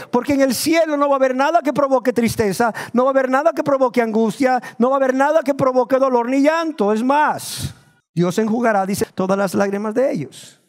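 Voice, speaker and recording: High-voiced Nicaraguan-born preacher. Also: male voice. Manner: asks the congregation rhetorical questions; slows down to stress scripture words. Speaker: pastor. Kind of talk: sermon.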